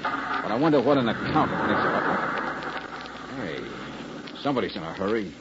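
An actor playing a wry, unflappable private investigator, breezy and sardonic, in a 1940s radio drama. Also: male voice, on the low side, sing-song, normal speed, very noisy. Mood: businesslike. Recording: muffled vintage radio recording.

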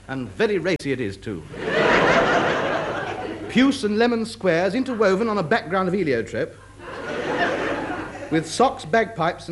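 An actor playing a pompous, self-deluded man who fancies himself a Scottish laird, in theatrical radio sitcom style with mock-Scottish phrasing. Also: sits high. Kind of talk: studio radio sitcom acting. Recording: noisy vintage radio comedy recording.

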